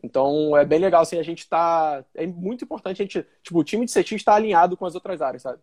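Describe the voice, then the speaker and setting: Interview guest: male, Brazilian Portuguese accent, slightly high voice, relaxed slangy explainer. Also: fast talker. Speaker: guest, customer experience director. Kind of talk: casual interview talk.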